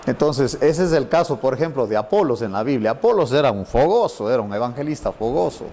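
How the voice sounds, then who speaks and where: Middle-aged male Bible teacher, lively storyteller, mid-range voice, faint room hiss. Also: mid-range voice, a little fast. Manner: animated storyteller, acts out quoted voices. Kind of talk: conversational Bible lesson.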